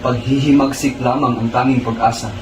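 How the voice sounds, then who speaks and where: A man's voice: medium pitch, little pitch movement, brisk, a little mellow, lightly acted. A man playing a stern, scheming older male revolutionary in a student drama, speaking in an intense, commanding way. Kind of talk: amateur student stage drama. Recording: echoey room with background noise.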